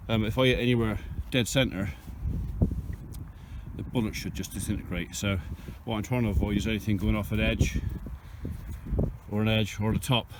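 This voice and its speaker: A man's voice: fairly even intonation, moderate pace. A man talks casually and plainly in a handheld phone video outdoors, thinking aloud as he explains what he is doing. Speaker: farmer and video host. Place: outdoors on farmland. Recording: noisy outdoor phone video, engine and vehicle rumble.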